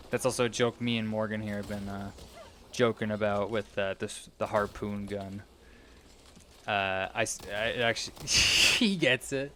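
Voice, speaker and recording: A man's voice: on the low side, steady tone, a little slow, sharp tone, a little hiss or hum. A young man giving rambling, casual commentary while playing a video game, often losing his train of thought. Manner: rambling, meandering, self-interrupting. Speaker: gaming video creator.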